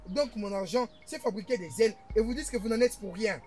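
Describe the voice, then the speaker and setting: A man's voice: sits high, fairly quick, darkish tone, faint music behind, natural voice. A man playing a father who accuses his daughters of stealing his money, exasperated and sputtering, in a French-dubbed film. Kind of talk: Nollywood film dub in French.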